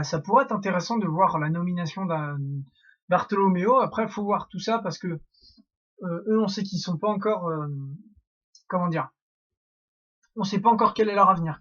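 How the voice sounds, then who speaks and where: A man's voice: high-pitched, fairly bright tone, highs cut off. A young man hosting a casual theory monologue, rambling with many fillers and restarts. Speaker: YouTube theory host.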